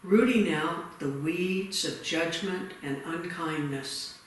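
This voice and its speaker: A man guiding a meditation in a retreat room, giving slow, soft-spoken instructions. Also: fairly high pitch. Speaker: meditation leader. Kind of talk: guided meditation. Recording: echoey room, distant mic, faint hiss.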